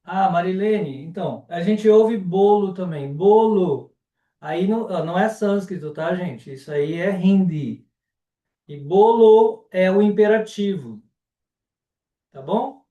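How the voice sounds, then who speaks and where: A man with a Brazilian Portuguese accent teaching a live online class, unhurried and often ending sentences with a checking question. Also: sits high, mellow, recorded from a distance, highs cut off. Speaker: Sanskrit teacher. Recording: roomy and off-mic.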